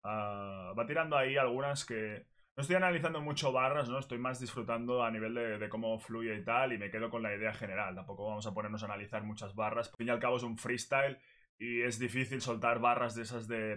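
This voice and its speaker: A man's voice: mid-range voice, fairly even intonation, fast talker, sharp tone. A man with an accent from Spain giving casual, chatty commentary while reacting to a freestyle. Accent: Spanish from Spain. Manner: chatty, explains as he goes. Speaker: reaction video host.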